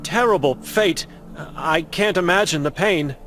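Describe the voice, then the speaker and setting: A man's voice: fairly high pitch, measured pace, a bit bright, faint music behind. A man voicing a young monk in a game who is searching for his sister, polite and earnest as he presses with questions. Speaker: game protagonist.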